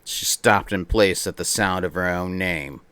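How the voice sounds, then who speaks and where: On his livestream, a man reads out a visual novel, switching between dramatic narration and playful, excitable banter. He sits low in pitch and speaks at a measured pace, with a clean tone and no echo in the close, dry setup.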